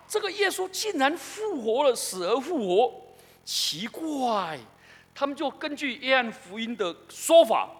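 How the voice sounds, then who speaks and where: The echo of a church sanctuary surrounds this middle-aged pastor, who has a Taiwanese Mandarin accent and a very high voice with a breathy edge. He preaches animatedly, directing questions at his congregation.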